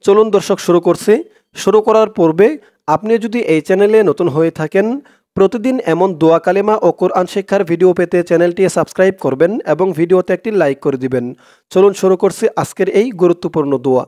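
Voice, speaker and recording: A man teaching Arabic reading, who spells words letter by letter and chants each syllable slowly and long. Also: high voice, mellow. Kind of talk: spelled-out recitation lesson.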